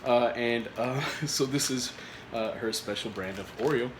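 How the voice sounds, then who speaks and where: A man with a medium-pitched voice speaks at a measured pace while hosting a casual food review vlog. He's getting over a cold and rambles, full of filler words and restarts. The room is echoey, with faint noise in the background.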